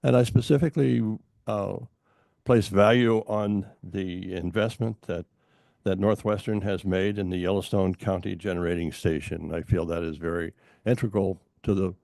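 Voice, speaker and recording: Older man, gravelly low testimony. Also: dark tone, dry recording, studio quality. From Montana. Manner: halting, many fillers and restarts. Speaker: public commenter at a utility hearing. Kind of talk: formal public testimony.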